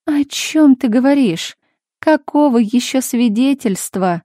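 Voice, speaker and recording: A woman's voice: a little high, lively intonation, a little slow, warm tone, no room sound, studio quality. A woman voicing a cold, defensive older mother who answers in raised, indignant exclamations, in a storybook reading.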